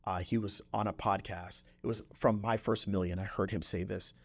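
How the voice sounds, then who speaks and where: A podcast host speaks in a conversational motivational style, repeating phrases for emphasis and often checking in with the listener. His voice is on the low side, with fairly even intonation and a moderate pace.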